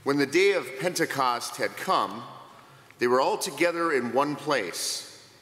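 A middle-aged man reading scripture slowly and expressively at a church lectern. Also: mid-range voice, expressive, a bit bright. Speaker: scripture reader. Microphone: lectern mic. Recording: roomy church with long reverb.

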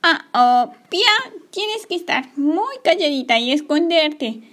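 A woman voicing Emma, a kind, secretive young girl, coaxing her pet gently in a toy story play. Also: sits high, animated, unhurried. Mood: hurried. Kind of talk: playing with toy figures.

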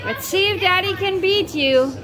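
A mother with a very high voice, speaking at normal speed, films a family vlog on her phone inside a busy pub restaurant full of crowd chatter. She narrates casually, gushing with enthusiasm about everything around her.

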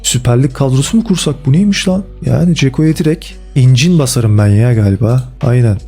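A man commenting casually and excitedly on football game cards as a gaming video host, with slangy, chummy talk aimed at his viewers. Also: mid-range voice, fairly quick. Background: faint background music.

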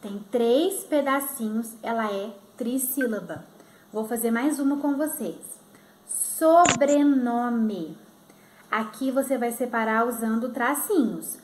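Brief: female primary teacher, Minas Gerais accent, patient and slow for kids, roomy phone recording. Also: fairly high pitch, slight background noise. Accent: Brazilian, Minas Gerais. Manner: slow, sounding out words for kids. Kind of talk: recorded video lesson for children.

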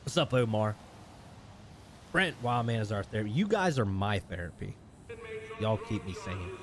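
A man's voice: fairly low pitch, sing-song, normal speed. A man hosting a live game stream, chatting casually, reading out viewer messages and laughing often. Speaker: streamer and host. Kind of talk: live stream chat and roleplay commentary.

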